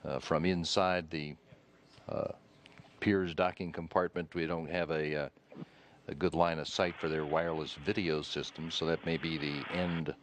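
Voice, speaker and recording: A man giving live mission commentary in a halting, measured way. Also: extremely low pitch, flat delivery, slight background noise. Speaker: spacewalk broadcast commentator.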